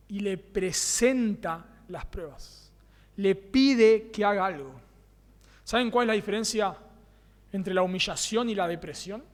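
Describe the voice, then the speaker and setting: A man's voice: high voice, in a large hall. A man with a Rioplatense Spanish accent preaching a sermon as pastor, earnest, repeating key phrases and asking the congregation rhetorical questions. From Argentina. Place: church.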